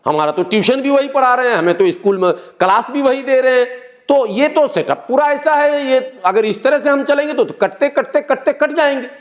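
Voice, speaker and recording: An interview guest, a middle-aged man, speaks in a notably high register. He explains patiently and earnestly, returning to the same phrases to drive each point home. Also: brisk. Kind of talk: political interview talk.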